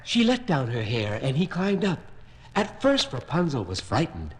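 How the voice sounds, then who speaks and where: Recorded with poor audio on an old children's record, this male narrator tells a fairy tale at a moderate pace. His mid-range voice is expressive, as befits a storyteller.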